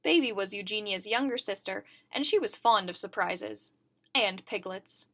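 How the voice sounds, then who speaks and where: A woman reading a children's picture book aloud, expressive and voicing the characters. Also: medium pitch, normal speed, creaky. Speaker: reader. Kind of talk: children's story read-aloud.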